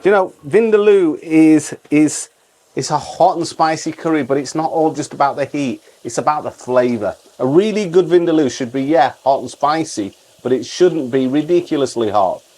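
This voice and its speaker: A man's voice: fairly high pitch, moderate pace, warm tone. A middle-aged man hosting a casual step-by-step cooking tutorial, repeating phrases for emphasis. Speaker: cooking channel host.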